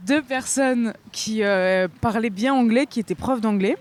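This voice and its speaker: A woman's voice: fairly high pitch, measured pace. Chatty young woman outdoors. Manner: chatty, laughs often, trailing filler-heavy talk. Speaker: podcast co-host. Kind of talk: casual chat. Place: outdoors by a river, windy.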